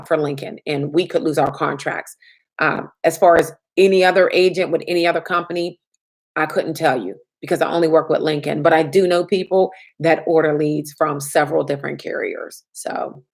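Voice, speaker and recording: A woman who works as an insurance agent and trainer answers viewers' questions in a chatty live stream. Her low-pitched voice is slightly raspy from getting little sleep.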